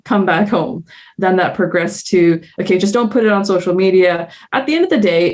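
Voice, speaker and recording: Speaking as a guest in a candid panel discussion, a Canadian-accented woman has a voice on the low side with a darkish tone. She reflects earnestly, working through her thoughts out loud.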